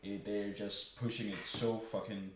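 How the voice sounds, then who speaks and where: A young man with a very low voice rambles through a casual chat, swearing often and filling gaps with ums and uhs. His voice rings around a strongly echoing room, with faint noise behind. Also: flat delivery, a little slow. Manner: profane, rambling, many fillers.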